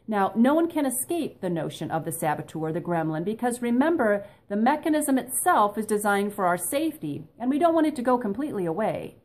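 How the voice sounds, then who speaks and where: A woman's voice: medium pitch, a little mellow. A woman speaking as a motivational coach, explaining things in an instructive way and addressing her listeners directly.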